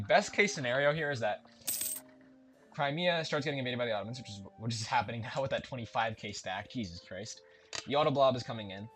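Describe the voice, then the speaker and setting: A man with a medium-pitched, slightly bright voice gives casual let's-play commentary on a strategy game. He chats as he plays, thinking aloud and correcting himself along the way. Game music and typing on a keyboard can be heard.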